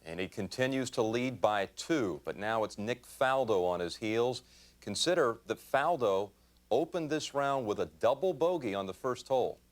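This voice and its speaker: A man's voice: medium pitch, lively intonation, moderate pace. Male sports anchor, mid-range voice, polished live golf presenting. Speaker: broadcast host and golf anchor.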